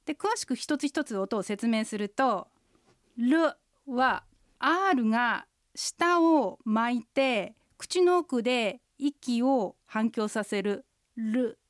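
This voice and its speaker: A woman co-hosting a radio language lesson, slowly and carefully explaining how sounds are pronounced. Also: on the high side, animated, no echo, studio quality. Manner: slow, careful explanations of pronunciation. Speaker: Chinese language instructor and co-host. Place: radio studio.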